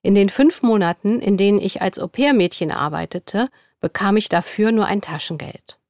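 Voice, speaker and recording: In a studio with no echo, a young woman reads interview answers from a scripted dialogue. Her mid-range voice moves at a moderate, even pace and sounds clear.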